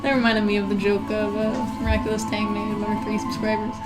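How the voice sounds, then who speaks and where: A woman's voice: mid-range voice, level tone, fast. Woman chatting casually over game music. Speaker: let's play co-host. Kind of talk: casual chat commentary. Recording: music playing behind.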